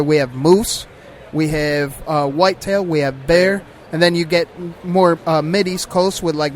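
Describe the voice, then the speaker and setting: A relaxed man, chatting loosely on a podcast. His voice sits a little high, and he laughs and swears freely. There is faint noise in the background. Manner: laid-back, swears, laughs often. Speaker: podcast co-host. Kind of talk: casual chat.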